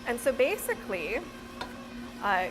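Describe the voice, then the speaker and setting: A woman's voice: fairly high pitch, big pitch swings, a little slow, music in the background. Woman, cooking demo, upbeat, explanatory, easy laughter. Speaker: dairy expert demonstrating recipes. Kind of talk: cooking demonstration.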